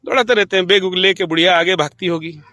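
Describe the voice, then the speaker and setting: A man giving an informal astrology talk in Hindi-accented speech, rambling and animated, laughing at his own stories. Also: high-pitched, fast talker, no echo. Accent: Indian Hindi.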